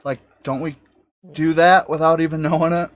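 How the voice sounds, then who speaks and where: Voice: medium pitch, little pitch movement, moderate pace. A co-host on a livestream podcast, talking in a laid-back way and laughing often. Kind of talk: casual livestream chat.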